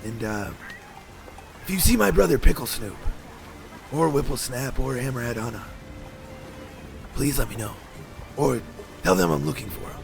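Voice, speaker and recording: A man's voice: mid-range voice, animated, normal speed, vocal fry, long pauses, over music. A man voicing a blunt, practical male ally in a tabletop game, talking offhand. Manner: casual, offhand.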